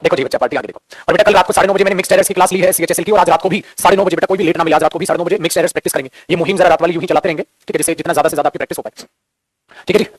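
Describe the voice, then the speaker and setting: A man's voice: fairly high pitch, steady tone, racing, husky, no echo. A man teaching English grammar in a class lecture, teasing and scolding his students playfully with jokes and repeated drilling questions.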